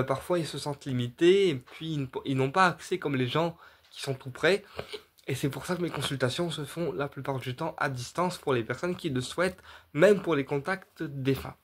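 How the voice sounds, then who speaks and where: A man, a medium casually explaining his readings straight to his viewers, rambling with many fillers, restarts and repetitions. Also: a little high. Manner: addresses viewers directly, checking in with "d'accord". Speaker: medium offering paid readings. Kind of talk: casual direct-to-camera explanation.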